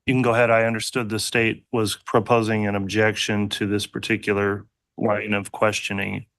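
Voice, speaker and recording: A man's voice: fairly low pitch, little pitch movement, normal speed, a bit bright, no echo. A man presiding as judge, speaking formally and steadily on a courtroom recording. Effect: courtroom audio feed. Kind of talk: courtroom proceedings.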